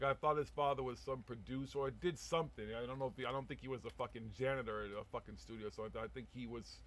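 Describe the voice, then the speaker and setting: A man's voice: mid-range voice, fairly bright tone. Guy doing a loose live chat show, blunt, swears constantly, rambles on. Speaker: talk show host. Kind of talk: casual profane live chat.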